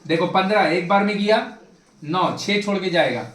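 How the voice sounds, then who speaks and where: Young man teaching at the board, brisk and insistent, high-pitched, roomy classroom echo. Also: a bit bright. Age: young adult. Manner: brisk and insistent, repeats himself, prods students. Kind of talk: classroom maths lecture. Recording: echoey classroom.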